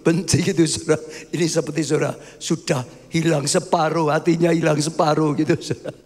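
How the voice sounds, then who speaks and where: A man's voice: on the high side, flat delivery, brisk, a little mellow. A man, preaching a sermon as pastor, emphatic and often calling out to the congregation as brothers. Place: church hall. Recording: long hall reverb.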